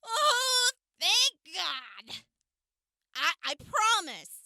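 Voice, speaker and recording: A woman's voice: extremely high pitch, big pitch swings, drawn-out words, background noise, heavily acted. A woman playing a flustered, foul-mouthed young prisoner in an audio drama. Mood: desperate, squirming.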